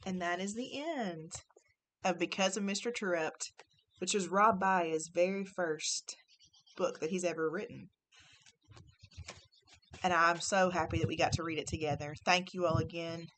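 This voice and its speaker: A woman teacher reading a children's novel aloud to her class, gentle and expressive. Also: fairly low pitch, a little hiss or hum, rough recording.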